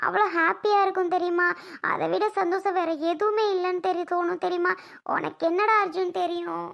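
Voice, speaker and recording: A woman's voice: very high-pitched, level tone, a little fast, creaky, a bit bright, exaggerated voice. A woman playing a tearful middle-aged mother who pleads with her younger brother as she cries, in a family skit. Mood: crying, hurt. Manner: crying, pleading, reproachful.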